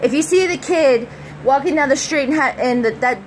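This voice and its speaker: Casting: young American woman, higher-pitched preppy voice, blunt sweary vlog chat, slightly noisy home-made recording. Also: moderate pace. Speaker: vlogger. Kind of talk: casual personal vlog talk. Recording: faint background noise.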